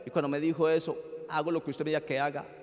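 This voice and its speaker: A man with a Colombian accent, a pastor preaching a sermon and telling a story, swinging from loud pleading to hushed tones. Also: fairly high pitch, flat delivery, rapid-fire, big-room sound.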